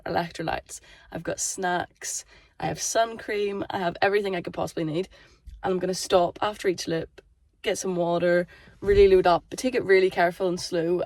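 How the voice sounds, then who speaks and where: Lower-pitched woman, casual vlogger. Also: a little mellow, dry recording, studio quality. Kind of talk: casual chat to camera.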